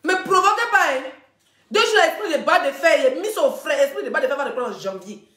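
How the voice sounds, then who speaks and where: A woman hosting a ranting gossip live stream, animated, laughing often and addressing her viewers directly. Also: high voice, brisk. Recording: roomy echoey room.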